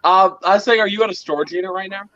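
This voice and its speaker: A man's voice: sits high, fast talker, pushed and bright, no echo. A man chatting casually on a voice call, his voice turned robotic and bitcrushed by a bad connection. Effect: robotic, bitcrushed digital distortion from a bad connection. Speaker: stream co-host on a voice call. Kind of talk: casual chat. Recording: dull, dry, glitchy voice-call audio.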